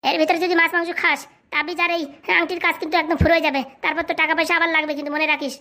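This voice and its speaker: A woman's voice: very high-pitched, level tone, sharp tone. A woman voicing a scheming young male con man posing as a holy fortune-teller in a comic cartoon, bossy and scolding. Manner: bossy, fast-talking, scolding.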